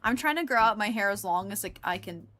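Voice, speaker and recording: A woman's voice: medium pitch, lively intonation, fast talker, fairly bright tone, soft background music. An American woman chatting casually to viewers on a game livestream, rambling playfully from one remark to the next. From United States. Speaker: live game streamer.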